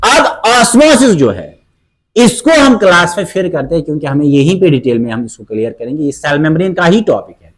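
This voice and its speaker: A male teacher explaining a biology lesson, asking himself questions and answering them, repeating key terms and slowing down to dictate definitions. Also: a little high, sing-song, low-quality recording.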